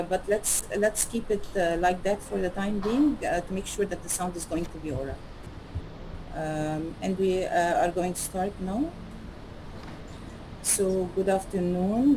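A woman hosting an online talk over a video call, speaking in a halting, welcoming way. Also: mid-range voice, dark tone. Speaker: webinar host. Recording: noisy video-call audio.

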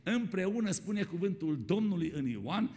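A high, animated male voice with a dark tint fills a church hall, its long reverb hanging in the air. The preacher often calls the congregation "my dear ones" and asks them questions.

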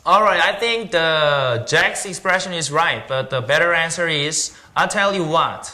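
Bright-voiced male English teacher. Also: a little high, animated. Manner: slow, careful pronunciation coaching. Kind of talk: TV English lesson.

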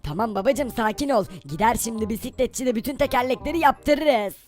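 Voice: mid-range voice, lively intonation, fairly quick, faint music behind. A woman voicing a patient, soothing father in a game role-play skit. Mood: calm. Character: calm caring father.

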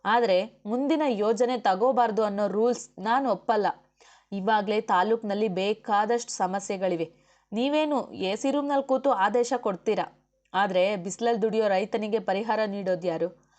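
A woman's voice: medium pitch, normal speed, darkish tone, natural voice. A woman reading the part of an outspoken young woman officer and wife, firm and argumentative. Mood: defiant. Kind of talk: audiobook character voice.

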